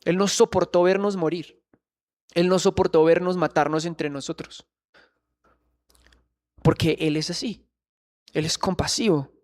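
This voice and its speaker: A man's voice: high-pitched, steady tone, a little slow, long pauses, a little mellow. A man preaching a sermon in church, earnestly questioning the congregation.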